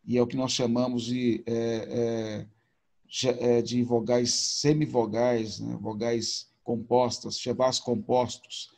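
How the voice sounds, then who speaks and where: A man's voice: mid-range voice, level tone, slow, creaky, darkish tone. A man teaching a recorded video lesson, explaining patiently and informally with repetition. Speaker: Hebrew teacher.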